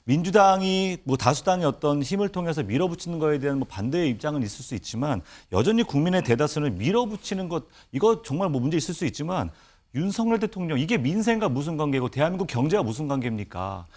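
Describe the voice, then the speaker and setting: Fast, animated man making pointed arguments. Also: fairly high pitch. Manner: rhetorical, pointed questions. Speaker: political panelist. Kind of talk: political debate on TV.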